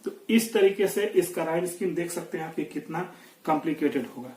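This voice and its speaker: Indian guy teaching a poem, kinda high voice, talks slow, echoey room, mic far off. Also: dark tone. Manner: slow explanatory, reads verse aloud slowly. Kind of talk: Hindi-English poetry lesson.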